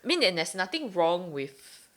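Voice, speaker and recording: A woman's voice: lowish voice, big pitch swings, normal speed, fairly bright tone. A young adult woman with a Singaporean accent, chatting casually on a podcast in colloquial Singlish. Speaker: podcast host. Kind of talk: casual chat.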